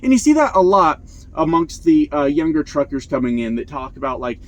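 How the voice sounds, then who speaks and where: Man, trucker vlogger, fairly high voice, blunt, swears freely, animated, chatting from his truck cab. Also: brisk. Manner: blunt, profane, animated storytelling. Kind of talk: casual vlog monologue.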